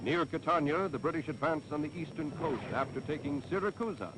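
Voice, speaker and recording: On a vintage 1940s newsreel soundtrack with music and heavy background noise, an American man delivers scripted wartime narration. His voice is a little high and a little fast, and his manner is dramatic, declamatory and patriotic.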